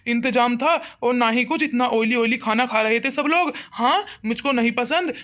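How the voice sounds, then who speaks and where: A grown son in a cartoon whines and complains that he was insulted, as a woman voices him. The voice sits high for a man, and the delivery stays in a sulking, grievance-filled key. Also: a bit bright, lightly acted. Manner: whiny, complaining. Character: young married son, sulking and hurt. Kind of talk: cartoon voice acting.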